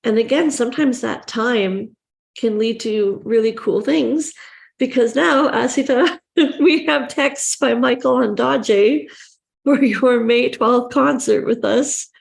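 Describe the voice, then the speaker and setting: A woman's voice: fairly high pitch, slow, vocal fry. A woman interviewing a guest in a casual, upbeat and enthusiastic way.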